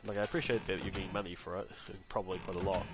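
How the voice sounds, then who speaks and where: A deep-voiced man races along with fairly even intonation over heavy background noise. He hosts a gaming channel and, in a New Zealand accent, gives rambling let's-play commentary, alternating between talking to himself and to his viewers.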